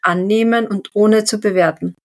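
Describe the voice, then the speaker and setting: A woman talks through mindfulness on a podcast in a calm, reflective way. Her phrases stretch out gently and often close with a soft "ja". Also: mid-range voice. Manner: calm, reflective, drawn-out phrasing with many "ja" fillers. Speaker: podcast co-host. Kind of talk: casual podcast conversation on mindfulness.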